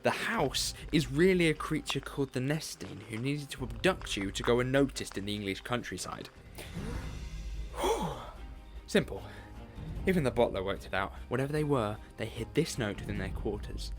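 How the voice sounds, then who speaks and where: A man voicing an eccentric alien time-traveling detective in an audio drama, witty and showy. His pitch sits in a middle register. He unspools his deductions with theatrical relish. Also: lightly acted. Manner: theatrical, quick-witted, fond of grand explanations. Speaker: lead character. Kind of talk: fan audio drama acting.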